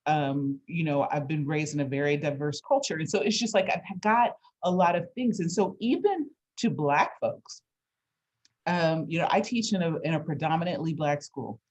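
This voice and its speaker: A woman interviewer talking conversationally, explaining her thoughts in a deliberate, halting, reflective way. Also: low-pitched, darkish tone.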